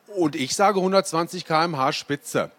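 A man plays a stubborn young boy in a storybook, his voice pushed up and loud with impatience. He talks back in an insistent, raised voice. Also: on the high side, normal speed, no room sound, pitched above the performer's own voice. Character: stubborn, impatient schoolboy narrator.

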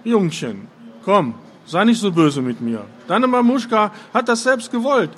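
Male narrator doing a sneering, giggling veteran schemer for a storybook, pitched up high. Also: very animated, a little slow, fairly bright tone, slight background noise, heavily acted. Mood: wheedling. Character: scheming middle-aged male Russian veteran, mocking.

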